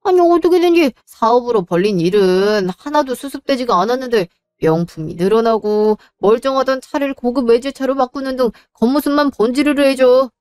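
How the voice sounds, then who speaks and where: A woman's voice: a little high, fairly quick, few pauses, a little mellow, clean tone, no echo, studio quality, close to an everyday voice. A woman voicing a young married man, a blunt younger son arguing with his mother and brother in a dramatized story. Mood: resentful.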